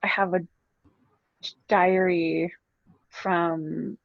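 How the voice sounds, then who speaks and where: Gravelly-voiced woman author, dry muffled sound. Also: fairly low pitch, flat delivery, extremely slow, dry recording. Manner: chatty, laughs easily, hesitant with ums. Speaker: author guest. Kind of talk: casual interview chat.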